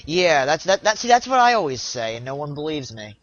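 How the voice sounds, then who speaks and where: A man's voice: on the high side, big pitch swings, fairly bright tone, no echo. Young man chatting on lo-fi stream. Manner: chatty, halting, frequent restarts and repeats. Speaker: speedrunner streaming live. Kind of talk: casual live-stream chat. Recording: lo-fi stream audio.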